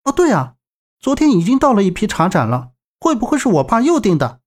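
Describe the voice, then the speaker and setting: A chirpy, bossy young woman who scolds in a high, lively lilt. A man acts her out. It is an audiobook character voice. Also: brisk, exaggerated voice. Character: bright bossy young woman, teahouse owner's daughter.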